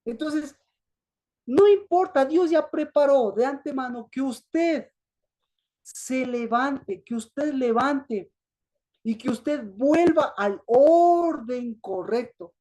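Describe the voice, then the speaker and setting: Woman preacher, high voice, mellow tone, sermon style with repeated questions to the congregation. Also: takes it slowly. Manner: asks the congregation questions and answers them herself; repetitive, emphatic.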